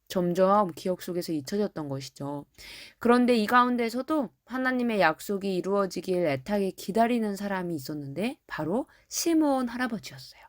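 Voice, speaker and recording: A woman preacher telling a Bible story to children in a gentle, direct way, often turning to speak to them. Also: medium pitch, no room sound, studio quality.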